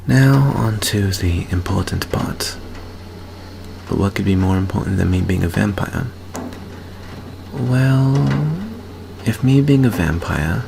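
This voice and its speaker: A man voices a nervous, earnest teenage vampire boy in an intimate ASMR roleplay, confiding in a friend. His low voice crackles with vocal fry, and he talks slowly and hesitantly, stammering and stumbling in a shy, halting way.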